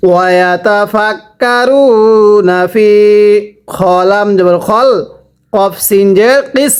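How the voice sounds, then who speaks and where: A man with a Bangladeshi Bengali accent teaching a Quran lesson, spelling out syllables and then chanting drawn-out recitation. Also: high voice, clean tone.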